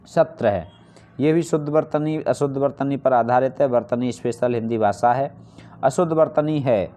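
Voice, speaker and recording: Guy teaching hindi spelling online, middle pitch, repeats stuff for emphasis. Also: a little mellow. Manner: explains step by step, asks and answers his own questions; repeats key points for emphasis. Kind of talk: online exam-prep lesson.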